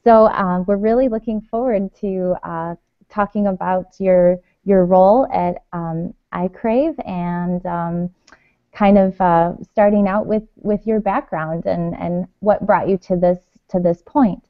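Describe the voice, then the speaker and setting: Woman host, dry close sound, halting intro full of ums, lo-fi audio. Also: fairly low pitch, fairly even intonation, dry recording. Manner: hesitant, lots of ums while introducing. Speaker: show host. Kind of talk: podcast interview.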